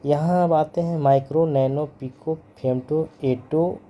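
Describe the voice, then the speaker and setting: Dark-voiced male teacher drilling terms. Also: on the high side, fairly even intonation, highs cut off. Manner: repeats terms slowly, drilling pronunciation; mixes English terms into Hindi. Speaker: physics teacher. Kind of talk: classroom lecture.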